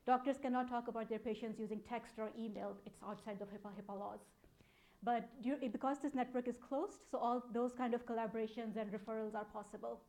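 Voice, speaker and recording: With a fairly high, steady, darkish voice, she speaks briskly on a rough recording. She's a data analytics program manager in her thirties with a Pakistani accent, presenting informally and conversationally at a conference.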